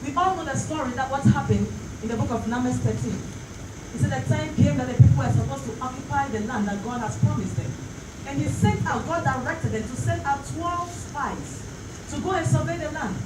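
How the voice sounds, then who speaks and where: A woman's voice: high-pitched, expressive, moderate pace. A woman pastor delivering a fervent church sermon, using emphatic repetition and rhetorical questions to the congregation. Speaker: pastor preaching. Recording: roomy, distant mic, clearly noisy.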